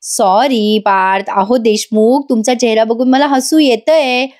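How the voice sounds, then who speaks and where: Brief: hoarse woman reading a teasing young wife, coaxing and high. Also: unhurried, a little mellow, close to an everyday voice.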